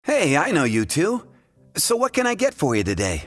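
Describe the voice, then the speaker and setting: For a game cutscene, an actor voices a friendly adult male bartender teaching the basics of his trade, chuckling in an instructive mood. His voice is a little high, with huge pitch swings at a moderate pace.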